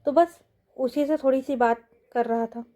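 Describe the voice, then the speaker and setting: A woman's voice: high voice, fairly even intonation, a little slow, mellow. Arjun, a woman voicing a casual young man.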